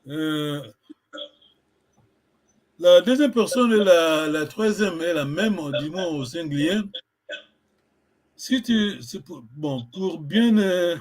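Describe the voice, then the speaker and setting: Slow, patient male language teacher. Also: on the high side, lively intonation, a little mellow. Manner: patient, repeats words slowly for the learner. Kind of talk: language lesson.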